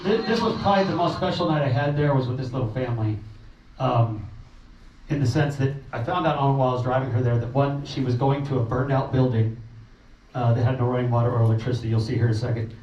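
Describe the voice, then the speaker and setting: A man recounting his relief trip at a meeting, emotional and halting, with many restarts. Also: mid-range voice, a little mellow. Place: meeting room. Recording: roomy, distant, muffled, faint noise.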